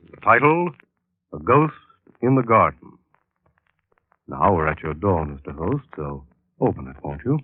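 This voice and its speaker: An eerie vintage horror narrator for a radio mystery. The voice is very deep and swings dramatically in pitch. Every phrase is drawn out slowly and ominously. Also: male voice, big pitch swings, a little hiss or hum. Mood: ominous, theatrical. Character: eerie male announcer of a horror mystery playhouse. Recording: lo-fi 1940s radio broadcast.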